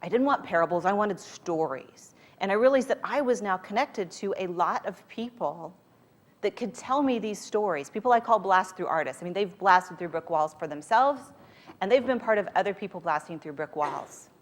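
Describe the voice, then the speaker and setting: A woman's voice: mid-range voice, animated, moderate pace. A woman speaking as a motivational coach to a live group, with emphatic storytelling and rhetorical questions.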